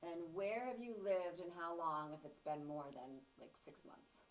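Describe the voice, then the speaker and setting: Lower-pitched woman asking casual questions. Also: animated, moderate pace, poor audio. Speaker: interviewer.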